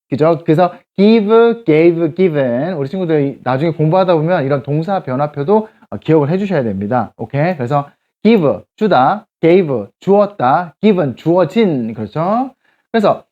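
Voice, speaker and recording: Brief: patient man teaching children, animated pitch, muffled lo-fi sound. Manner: patient, explains slowly, checks in often with the kids. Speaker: children's church English teacher. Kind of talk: explaining Bible verses to children.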